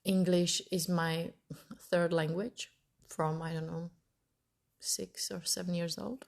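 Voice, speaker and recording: An Italian woman in her thirties hosts her own podcast, thinking aloud in a personal monologue as she searches for her words. Her low, creaky voice moves slowly with little pitch variation.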